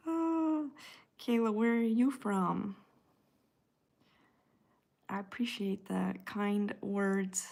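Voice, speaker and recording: A woman from the United States with an American Midwestern accent hosts a casual livestream, reading viewer comments and answering people by name. Her mid-range voice is gravelly and darkish, with drawn-out words and long pauses.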